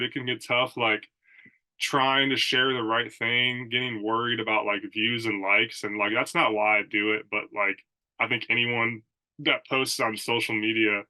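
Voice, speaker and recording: A young podcast host and strength coach talks casually on his own over a rough Zoom recording, his somewhat low voice nasal and stuffed up from allergies. His tone is bright and forceful, and he rambles, leaning on fillers and saying "like" and "dude" often.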